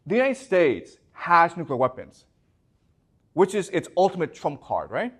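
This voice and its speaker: Male lecturer, animated delivery, restarts and repeats words, keeps asking the class whether they follow. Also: a little high, unhurried, slightly rough. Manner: checks in constantly with the class.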